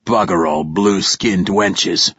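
A man doing a raspy, cursing ancient poet. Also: low-pitched, slow, a bit bright, dry recording, lo-fi sound, full character voice. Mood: grumpy. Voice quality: raspy, mumbling. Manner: coarse, grumbling curses. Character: foul-mouthed ancient male poet, cranky.

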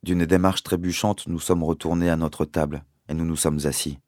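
A man narrating an audiobook in a measured, deliberate storytelling manner. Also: sits low, level tone, darkish tone, no room sound, clean studio sound. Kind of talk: audiobook reading.

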